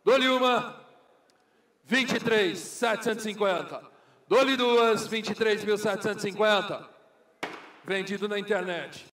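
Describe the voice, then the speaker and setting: A man's voice: sits high, moderate pace, fairly bright tone. A Brazilian man working as a car auctioneer, calling bids in a repetitive, formulaic chant. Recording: echoey hall, far from microphone.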